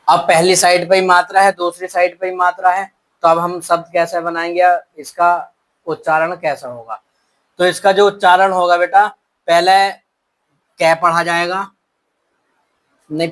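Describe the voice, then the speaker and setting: A man teaching shorthand in a slow, patient, step-by-step classroom manner, talking kindly to his students. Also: sits high, a bit bright, low-quality recording. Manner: slow, patient explaining, addresses students as "beta".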